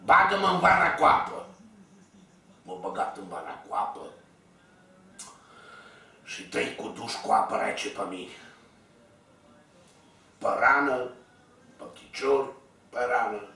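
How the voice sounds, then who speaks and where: A man's voice: fairly low pitch, gravelly, pauses often, bright, forceful tone, very echoey, recorded from a distance. A man telling a personal story in a blunt, colloquial way, talking straight to his listeners. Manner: coarse, blunt, colloquial, addressing listeners directly. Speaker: storyteller vlogger. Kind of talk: rambling spoken storytelling.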